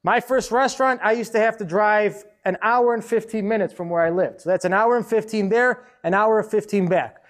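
A man with a notably high voice speaks at a business seminar, direct and emphatic. He is a middle-aged restaurant owner sharing hard lessons in a casual, conversational way. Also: fairly quick, fairly bright tone. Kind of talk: live seminar talk. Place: conference hall.

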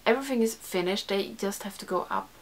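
A young beauty YouTuber talks fast in a mid-range voice, casually answering a tag to camera from a small indoor room with makeup shelves. She's a non-native English speaker who rambles, corrects herself, and says "like" constantly. The audio is poor, with slight background noise.

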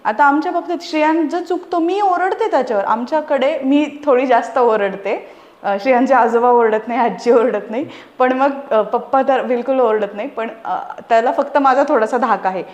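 A woman's voice: high voice, normal speed, dull audio. A woman, a guest parent talking earnestly and with animation in a casual conversation. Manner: earnest, animated, explaining with examples. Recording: echoey room.

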